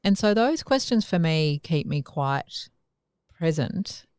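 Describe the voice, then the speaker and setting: Low-voiced reflective woman, dry sound. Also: big pitch swings, takes it slowly, darkish tone, smooth, no room sound. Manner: reflective, thinks aloud with restarts. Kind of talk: casual podcast conversation.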